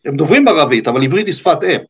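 Older Israeli man, husky and deliberate. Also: fairly high pitch, sing-song. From Israel, grew up on a kibbutz. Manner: hesitant, deliberate, halting phrasing. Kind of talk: unscripted historical account in conversation.

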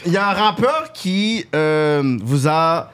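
Animated male host. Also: on the high side, slow pace. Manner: animated storyteller mixing English slang. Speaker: podcast host. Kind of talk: casual chat.

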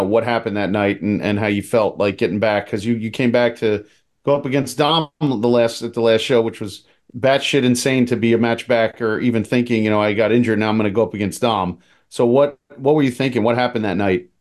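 A man co-hosting a podcast, asking interview questions haltingly with many fillers. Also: on the low side, a little mellow. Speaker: podcast co-host. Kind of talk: casual interview.

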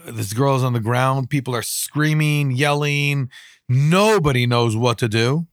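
A man's voice: medium pitch, measured pace, no echo. Middle-aged man telling stories, dry close sound. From Israel. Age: around 50. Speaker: podcast co-host and emergency responder. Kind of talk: casual personal storytelling.

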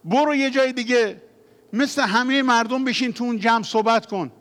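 A man preaching a sermon as pastor, moving between quiet confiding passages and loud, fervent exhortation. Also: very high voice.

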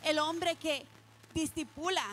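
A woman delivers a sermon in a high voice, earnest and personal, speaking directly to the listener. She reads scripture passages slowly, leaning on key words. A faint background hiss sits under the recording. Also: fairly even intonation, a bit bright, rough recording. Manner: reads scripture aloud, slowing for emphasis. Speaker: preacher.

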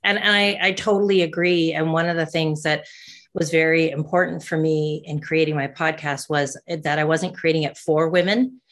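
A woman with a low-pitched voice talks at a normal speed with fairly even intonation. She's an ADHD coach and podcast host, chatting casually and rambling with frequent fillers and restarts.

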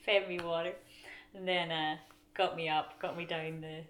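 A woman's voice: lowish voice, level tone, moderate pace, fairly bright tone. A woman with a Donegal accent from the north-west of Ireland, chatting casually and self-deprecatingly as she tells her stories. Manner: chatty, self-deprecating, often laughs while talking. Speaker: interview guest, mountain runner. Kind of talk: casual chat, telling race stories.

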